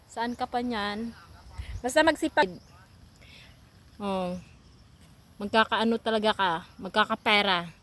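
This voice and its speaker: A young woman gives a slow, relaxed walking tour of a vegetable farm, filming on her phone. Her voice sits a little high, and she talks to viewers in an easy, repetitive way. Animals and open countryside are heard around her. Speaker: vlogger. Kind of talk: casual walking tour vlog.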